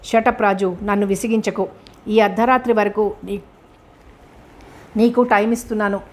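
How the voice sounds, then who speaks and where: A scheming, mocking male kidnapper from an audiobook thriller, read by a woman narrator. He speaks with cool menace and smug taunts. The voice sits at a middle pitch. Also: close to an everyday voice.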